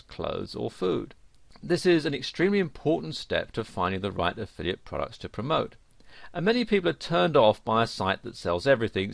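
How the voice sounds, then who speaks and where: A man reading a scripted instructional narration for an online course, with a lively, emphatic delivery. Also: fairly low pitch, creaky, no echo.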